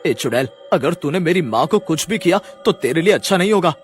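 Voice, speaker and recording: A man's voice: a little high, expressive, fairly quick, faint music behind, natural voice. A man voicing a worried but firm young husband in a cartoon story. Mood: earnest.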